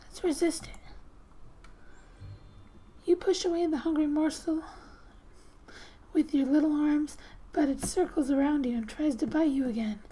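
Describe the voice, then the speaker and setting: A woman speaking softly and breathily, often near a whisper, reading a game's story aloud in a gentle, unhurried ASMR style with casual asides. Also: high-pitched, steady tone, rough recording. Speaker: ASMR gamer and host.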